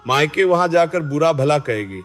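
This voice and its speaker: A man's voice: on the high side, lively intonation, normal speed, a bit bright. A man voicing a harsh, domineering older mother-in-law who scolds and taunts, in a story read aloud. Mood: taunting. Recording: long reverb, faint music behind.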